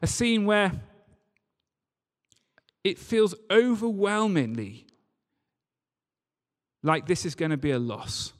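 His voice is high here, and he speaks slowly, pausing often, as he reads scripture and talks it over conversationally. The church service takes place in a large hall whose long reverb fills the recording.

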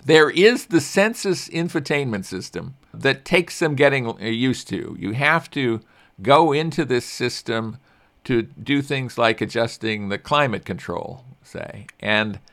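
A man's voice: mid-range voice, lively intonation, unhurried, a bit bright. An older man hosting a car radio show, talking casually and chattily with frequent restarts and self-deprecating asides. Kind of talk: casual car-review talk.

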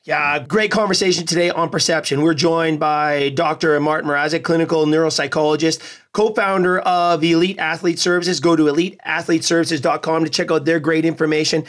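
Brief: male podcast host, light high voice, animated, rambling anecdotes. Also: fairly quick, few pauses. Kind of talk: conversational podcast storytelling.

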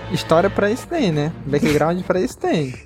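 A man's voice: sits high, very animated, moderate pace. A man with a Brazilian Portuguese accent co-hosting a podcast, chatting casually and effusively in slangy, emphatic fan talk. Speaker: podcast co-host. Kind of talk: excited casual fan chat. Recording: music behind the voice. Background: music.

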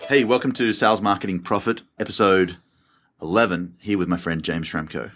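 A man co-hosting a business podcast, chatting casually in an upbeat, animated way and laughing often. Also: low-pitched, a little fast, faint music behind. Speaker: podcast co-host.

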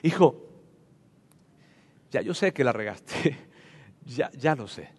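A man voicing a forgiving father who welcomes back his lost son, speaking hushed and almost whispered. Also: medium pitch, expressive, slow pace, husky, long reverb tail. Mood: tender hush.

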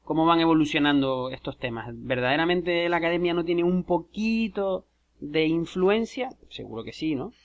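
A man's voice: a little high, expressive, normal speed. Musing man in casual chat, lo-fi. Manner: musing, acts out little dialogues. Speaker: podcast co-host.

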